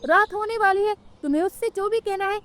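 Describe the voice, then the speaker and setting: Brief: timid cartoon dad crow, voiced by a woman, gentle and cautious. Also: extremely high pitch, fairly quick, slight background noise. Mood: pleading. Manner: pleading, mild. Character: meek, cautious father crow.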